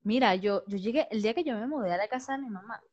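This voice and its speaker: A woman's voice: medium pitch, fast, darkish tone. A woman in a casual podcast chat, reflecting candidly and telling stories with animation. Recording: dull lo-fi recording.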